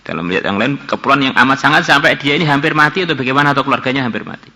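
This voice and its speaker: A man's voice: mid-range voice, very fast, bright, forceful tone. An older man from Indonesia, preaching and explaining Arabic text in a religious class. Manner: reads Arabic phrases then paraphrases them, acts out dialogue in a raised voice. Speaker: kyai teaching a religious class.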